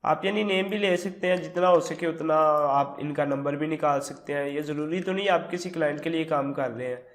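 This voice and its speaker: A man with a sore throat giving a relaxed, step-by-step screen tutorial, mixing English words into his explanations. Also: a little high, fairly quick, few pauses. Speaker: tutorial host. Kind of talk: screen-recorded tutorial walkthrough.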